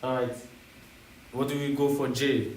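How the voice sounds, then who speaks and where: A man's voice: medium pitch, flat delivery, normal speed, a little mellow, distant mic, a little hiss or hum. Blunt, impatient man in an echoey room. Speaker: learner quizzing an AI. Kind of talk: casual chat.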